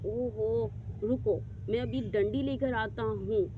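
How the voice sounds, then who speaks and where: A woman voicing a brisk young man who scolds and chases off a rat in a doll story. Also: a little high, fairly even intonation, voice pushed down. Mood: scolding. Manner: gruff, scolding. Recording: dull lo-fi with loud background noise.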